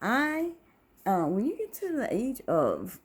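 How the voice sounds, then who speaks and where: A woman in her fifties hosts her own channel, rambling to camera in a casual, musing, faith-centered monologue that wanders as she chats. Her fairly high voice swoops wildly in pitch, she speaks slowly, and there's slight background noise.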